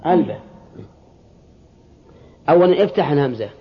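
A man's voice: fairly high pitch, expressive, normal speed, slightly rough, muffled recording. A man teaching a religious classroom lesson, explaining step by step and asking his students short questions.

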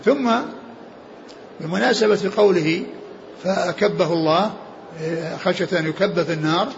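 A man teaching a classical text in a lecture, pausing often and repeating words as he explains. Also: high voice, creaky, dull audio, a little hiss or hum. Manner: halting, many repeated words and restarts. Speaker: hadith teacher.

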